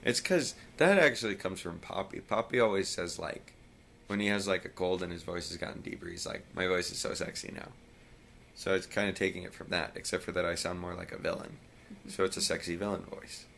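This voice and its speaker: A tired man chatting casually in a home vlog, rambling and sometimes dropping his voice very low. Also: a little fast, vocal fry, a bit bright, slight background noise. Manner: rambling, drops voice very low at times. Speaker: vlogger. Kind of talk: casual chat.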